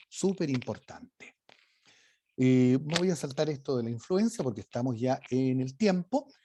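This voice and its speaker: A man's voice: a little high, dark tone, slight background noise. A man teaching a leadership class online, talking emphatically and varying his intonation. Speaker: leadership course instructor. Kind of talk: online lecture.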